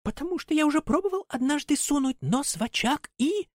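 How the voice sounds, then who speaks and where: A reader voicing a crying wooden puppet boy in a very high, squeaky voice, wailing and pleading with mock politeness. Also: animated, fairly quick, no echo, clean studio sound. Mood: wheedling. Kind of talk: reading a children's play script aloud.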